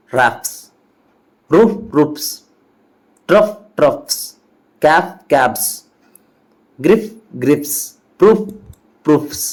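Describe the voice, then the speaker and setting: A man's voice: medium pitch, a little mellow. Upbeat man teaching an English lesson. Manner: drills words aloud, repeats them, asks and answers his own questions; upbeat, encouraging. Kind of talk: classroom-style online lesson.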